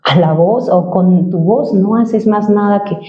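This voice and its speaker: A woman's voice: medium pitch, measured pace, faint music behind. A woman who works in voice-over and dubbing, explaining voice exercises in an interview and often ending points with a questioning tag. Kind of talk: interview, giving voice-training advice. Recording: roomy, slightly dull sound.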